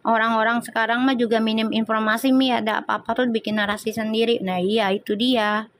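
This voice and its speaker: A woman's voice: on the high side, little pitch movement, dry recording. A woman from Indonesia, a tarot reader chatting casually with viewers on a live stream, teasing and answering comments, slipping into short prayers. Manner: slips into singing and quick prayers.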